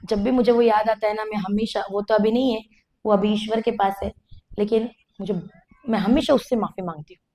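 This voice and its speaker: A woman's voice: medium pitch, steady tone, brisk, dark tone, low-quality recording. A woman preacher giving a candid personal testimony in a sermon, speaking directly to her audience.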